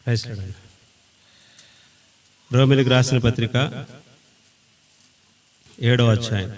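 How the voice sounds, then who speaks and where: A man's voice: medium pitch, darkish tone. A man preaching a sermon in a church meeting, reading scripture and coaxing the congregation to call out the answers. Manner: sings a hymn slowly before preaching. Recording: voice from far off the mic.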